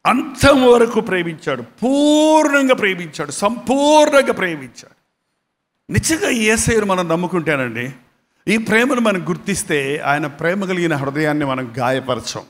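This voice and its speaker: A male pastor delivering an emotional sermon in a high voice. He tells the story dramatically, his loudness rising and falling sharply, and his words ring out in a hall with a long echo. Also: very animated, normal speed. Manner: dramatic, emotional preaching with big swings in loudness.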